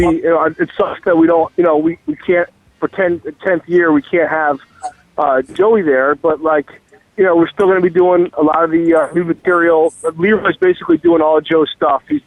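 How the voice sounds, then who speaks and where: A man's voice: on the high side, dry recording. A man calling in on a car speakerphone while driving, talking as a musician guest in a loose, rambling, profane way with lots of fillers. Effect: car speakerphone call. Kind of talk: casual phone interview. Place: in a moving car. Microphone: phone on speaker. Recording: tinny dry phone line.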